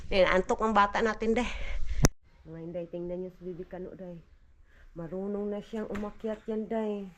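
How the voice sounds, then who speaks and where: A woman's voice: medium pitch, fairly even intonation, normal speed, noisy background. A Filipino-accented woman vlogging at home with her toddler, chatting casually to viewers and cooing at her baby. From Philippines. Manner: chatty, calls viewers "day" and "inday"; soft coaxing baby talk. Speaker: vlogger mom. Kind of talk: casual chat to camera.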